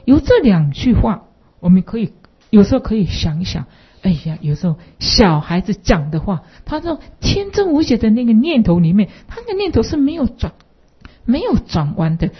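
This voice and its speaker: Brief: woman Buddhist lecturer, husky, filler-heavy, lo-fi recording. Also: lowish voice. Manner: rambling, many fillers and rhetorical questions. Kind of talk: dharma lecture with anecdotes. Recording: dull lo-fi recording.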